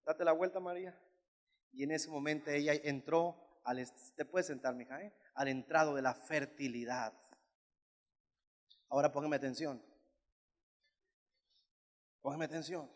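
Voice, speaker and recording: High-voiced pastor preaching in a reverberant church. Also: male voice, fairly even intonation, moderate pace. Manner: emphatic, repetitive, storytelling. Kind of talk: sermon. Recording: long church hall reverb.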